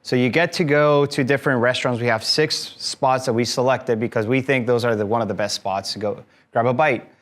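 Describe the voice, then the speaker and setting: Here a Mexican tour company owner, appearing as a guest speaker, explains things conversationally to an audience in an event room. His medium-pitched voice stays steady and fairly quick, with hardly any pauses. He comes across as friendly and explanatory and uses fillers often.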